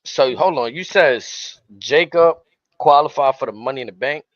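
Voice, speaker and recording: A man's voice: medium pitch, expressive, moderate pace, no echo. Blunt, cursing man, muffled dry audio. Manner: blunt, profane, joking. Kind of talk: casual wrestling chat.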